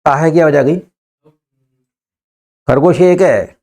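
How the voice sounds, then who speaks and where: A man's voice: on the high side, measured pace, dark tone. A man teaching in a classroom, drilling his students on sentences and coaxing them to answer and repeat. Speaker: English teacher.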